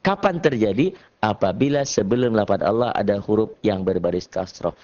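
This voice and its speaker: A man teaching Quran recitation rules in a casual, animated classroom style, joking and acting out imagined students. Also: lowish voice, moderate pace. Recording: dull lo-fi classroom recording.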